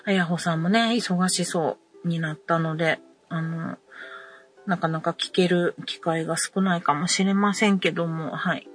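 A woman in her forties with a soft Nara Kansai accent hosts a casual chat show. She talks at an easy pace, with plenty of fillers and pauses as she reads out messages from listeners. Faint music sits behind her voice. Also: fairly low pitch. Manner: relaxed, many fillers and pauses. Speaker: podcast host.

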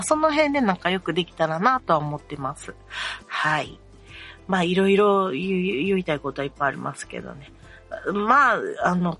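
A young woman with a Kansai accent talks casually and at length, filling her speech with little hesitations and wry asides. Her voice sits fairly low for a woman. Faint music plays softly behind her. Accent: Kansai Japanese. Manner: chatty, many fillers, wry complaining. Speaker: podcast host. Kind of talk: casual solo talk.

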